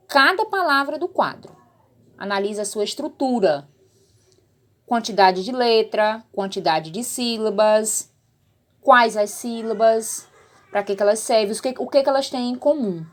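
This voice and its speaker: A young Brazilian woman with a slightly high voice teaches a recorded lesson to small children. She is patient and repeats each step, pausing to ask the class if they understood. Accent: Brazilian Portuguese. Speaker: primary school teacher.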